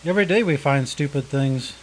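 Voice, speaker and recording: A man's voice: medium pitch, brisk, slight background noise, rough recording. A man co-hosting a morning farm radio show, laid-back with dry, wry remarks. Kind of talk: casual on-air chat. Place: radio studio.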